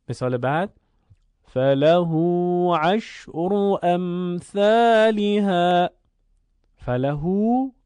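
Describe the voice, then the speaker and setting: A man teaching Quran recitation, explaining rules clearly and then chanting the examples slowly and drawn out. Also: medium pitch, a little mellow, no room sound. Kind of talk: recorded recitation lesson.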